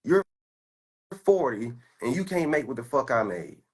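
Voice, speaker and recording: A man's voice: mid-range voice, sing-song, unhurried, husky. A man in his twenties from the United States, a stock trader giving a boastful, profane, confrontational rant while showing his screen. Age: 20s.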